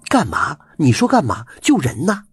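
A male storyteller voicing a kind-hearted, decisive village wife who speaks briskly and gives orders. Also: on the high side, very animated, breathy edge, dry recording, faint music behind, pitched above the performer's own voice. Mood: urgent. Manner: brisk and commanding.

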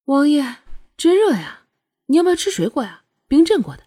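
A woman's voice: high-pitched, very animated, a little fast, dark tone, breathy edge, exaggerated voice. A woman voicing a proud young noblewoman who talks in a teasing, needling way in an audiobook. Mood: coy. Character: young noblewoman, sly, proud and sharp-tongued.

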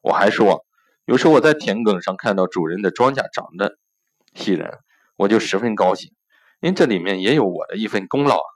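A man's voice: fairly low pitch, lively intonation, brisk, poor audio. A man voicing a tearful old ox. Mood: aggrieved. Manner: choked-up, plaintive. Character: sad, hardworking, aggrieved old ox.

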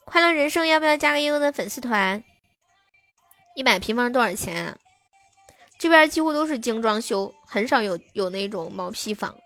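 A young woman runs a casual live stream and answers viewer comments as they come in. Her voice sits a little above average, close to the mic in a dry room. Soft music plays faintly behind her. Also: on the high side, lively intonation, moderate pace, no echo. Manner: chatty, reads viewer comments aloud and answers them.

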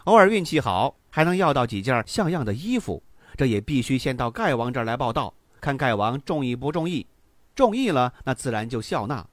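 A man's voice: medium pitch, sing-song, fairly quick, no room sound. A man narrating a radio story serial, animating it by asking and answering his own questions.

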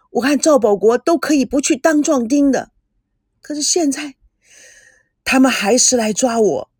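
A woman reading a story aloud, voicing a heartbroken, earnest young groom who is leaving for the army. Her voice is husky and breathy. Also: a little high, darkish tone, no room sound, studio quality, voice pushed up, exaggerated voice. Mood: pleading.

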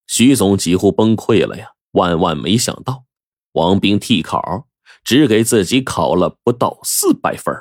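Brief: male storyteller, husky, very expressive pitch. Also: no echo, clean studio sound. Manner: lively, with drawn-out sentence endings. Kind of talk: storytelling narration.

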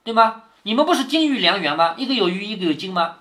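A man reading the lines of a sharp-tongued young noblewoman who teases and scolds playfully. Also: high-pitched, big pitch swings, fast talker, exaggerated voice. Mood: teasing.

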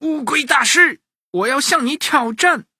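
A man voicing a boastful young rooster boy in a storybook, brash and loud. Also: very high-pitched, a little slow, no echo, clean studio sound, voice pushed up, exaggerated voice. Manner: brash, shouting challenges.

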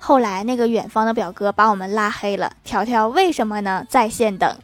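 A woman's voice: medium pitch, fairly quick, no room sound. A woman hosting a casual comic audio show, reading listener messages aloud in a playful way and laughing along.

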